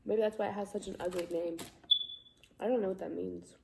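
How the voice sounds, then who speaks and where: A woman vlogger in a relaxed casual chat, reading out viewer questions while she eats. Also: medium pitch, brisk, gravelly, noisy background. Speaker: vlogger host.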